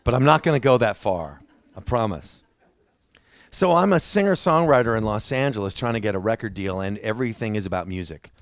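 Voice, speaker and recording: Guy preaching at church, low voice, laid back and self-deprecating, telling his story. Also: lively intonation, brisk, dry recording. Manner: conversational, self-deprecating, with restarts. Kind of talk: sermon with personal testimony.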